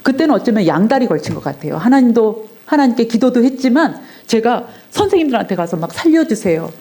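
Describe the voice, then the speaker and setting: A woman's voice: a little high, sing-song, fast talker, mellow. Earnest woman giving church testimony. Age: middle-aged. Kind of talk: personal testimony at a Sunday service. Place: church sanctuary.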